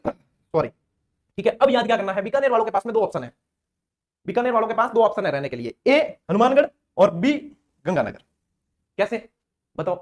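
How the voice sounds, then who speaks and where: A man's voice: high voice, very animated, normal speed, long pauses. A man from Rajasthan, teaching an exam-prep lesson in a chatty, playful way, chanting memory tricks and acting out little scenes.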